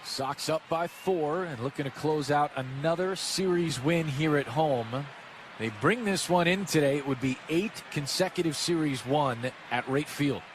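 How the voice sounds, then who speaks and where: A fairly high-pitched American male announcer calls the baseball action live for radio at a moderate pace. He's in the stadium booth, with clear ballpark sounds in the background.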